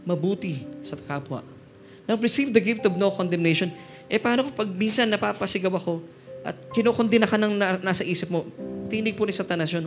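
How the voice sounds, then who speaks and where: A middle-aged Filipino pastor preaches in a slightly high voice, telling jokes and personal stories as he moves between Tagalog and English. Guitar music plays clearly under his words in the church. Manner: humorous storytelling, mixing Tagalog and English. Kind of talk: sermon. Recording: music playing behind the voice.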